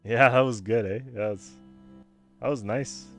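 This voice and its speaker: A man's voice: medium pitch, steady tone, unhurried, fairly bright tone, soft background music. A man in casual, joking commentary while playing a story-driven game, laid-back and swearing casually. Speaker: player and streamer.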